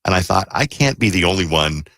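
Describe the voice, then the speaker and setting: A man's voice: low-pitched, expressive, brisk, a bit bright, no room sound, clean studio sound. A middle-aged man hosting a morning radio show, chatty and playful. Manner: playful, bursts into silly singing.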